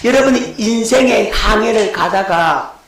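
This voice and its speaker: Male pastor, high gravelly voice, echoey church hall, rhetorical questions. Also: measured pace. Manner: rhetorical questions to the congregation, shouting acted quotes. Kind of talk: sermon lecture.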